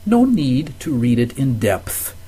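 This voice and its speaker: An older man giving a recorded course lecture, telling anecdotes in a measured, instructive way. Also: mid-range voice, very animated, mellow, husky.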